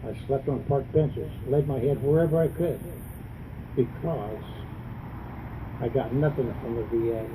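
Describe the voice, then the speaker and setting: A man delivers a political stump speech in a medium-pitched voice. He is adamant and plain-spoken, hammering points home through repetition. The microphone sits at a distance, with clear vehicle noise around him. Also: a little slow, pauses often. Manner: adamant, plain-spoken, repeating phrases for emphasis. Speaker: congressional candidate and veterans advocate. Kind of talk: campaign speech at a news conference.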